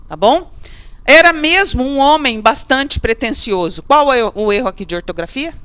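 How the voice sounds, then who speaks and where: A woman's voice: high-pitched, expressive, moderate pace, a bit bright, clean tone, dry recording. Chatty Brazilian woman teaching a class. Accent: Brazilian Portuguese. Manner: chatty, asks the class questions, acts out students. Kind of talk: lively classroom lecture.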